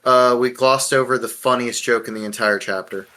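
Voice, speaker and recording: With a pushed, bright mid-range voice, steady tone and normal speed, a man hosts a casual podcast. He talks bluntly, swears, and guides the discussion by asking questions.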